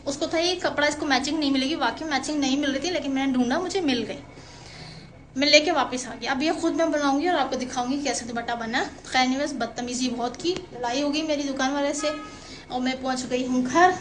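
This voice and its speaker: A woman's voice: high voice, brisk, roomy sound, rough recording. A woman vlogger with a Karachi Urdu accent chatting casually to camera, retelling a quarrel with a shopkeeper and acting out both sides of the dialogue. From Pakistan. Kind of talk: casual vlog storytelling.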